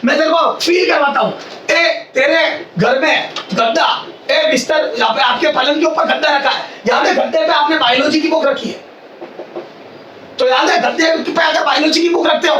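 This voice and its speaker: Loud high-voiced male physics teacher. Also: normal speed. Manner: loud, near-shouting delivery, repeats phrases and quizzes students. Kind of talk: classroom lecture. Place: classroom with students. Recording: echoey classroom, mic far off, faint hiss.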